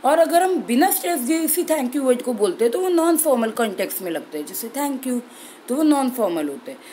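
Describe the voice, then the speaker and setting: A young woman teacher explaining an exam-prep language lesson clearly and steadily, slowing down on key terms. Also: high voice, sing-song, warm tone, a little hiss or hum, rough recording.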